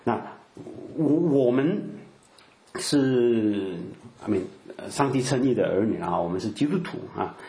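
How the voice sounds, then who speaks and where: A man's voice: medium pitch, lively intonation, a little slow, dark tone, reverberant. An older man giving a conversational sermon, full of filler particles and acted-out quotes. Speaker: preacher.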